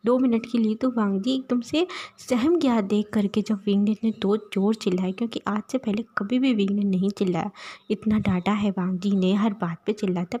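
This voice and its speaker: A woman's voice: mid-range voice, warm tone, husky. A woman casually retelling a fan story in a chatty way, with lots of fillers.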